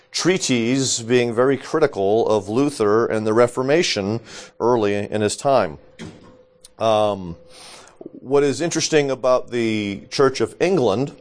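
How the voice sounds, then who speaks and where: A man teaching a small church class, deliberate and lightly joking, checking in with his listeners and coughing now and then. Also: mid-range voice. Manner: deliberate, adds joking asides and checks in with "okay?".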